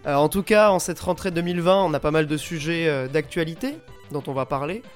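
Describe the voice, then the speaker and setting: A man's voice: on the high side, brisk. A man hosting a casual video game podcast in a chatty, improvised way, his voice nasal and stuffed up from a cold. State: has a head cold. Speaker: podcast host. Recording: music behind the voice. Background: music.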